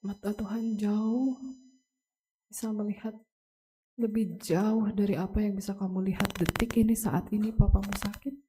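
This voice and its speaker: A young woman giving an earnest, halting personal testimony to a congregation at a memorial service, speaking straight to the listeners. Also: medium pitch, steady tone, dark tone, a little hiss or hum. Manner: earnest, halting, addresses listeners as Bapak Ibu. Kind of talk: emotional spoken testimony to a congregation.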